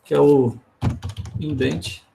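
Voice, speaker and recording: A man's voice: a little high, steady tone, slow pace, gravelly, mellow, a little hiss or hum. A man giving an online workshop lesson in Brazilian Portuguese, explaining casually and often checking in with tag questions. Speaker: instructor.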